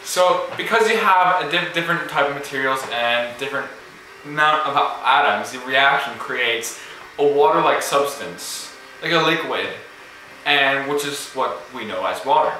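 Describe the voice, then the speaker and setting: A man's voice: mid-range voice, normal speed, pushed and bright. A man hesitantly improvising a confident but rambling explanation in casual chat. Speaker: guest answering a quiz question. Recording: echoey room with faint hiss.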